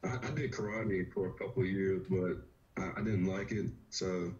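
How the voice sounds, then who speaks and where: Guest, man in his thirties from Virginia, very deep and laid-back, dull lo-fi video call sound. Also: moderate pace, crowd noise. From rural Virginia. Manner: laid-back, relaxed storytelling with "you know". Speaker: fighter, podcast guest. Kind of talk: casual interview. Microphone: webcam or laptop on a video call.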